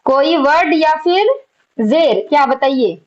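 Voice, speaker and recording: A woman's voice: high-pitched, expressive, slow, dull audio. A woman teaching an online Urdu lesson, patiently explaining letters and quizzing her students.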